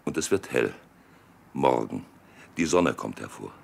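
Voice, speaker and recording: Very deep, gravelly male literary narrator. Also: expressive. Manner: deliberate, evocative, with dramatic pauses.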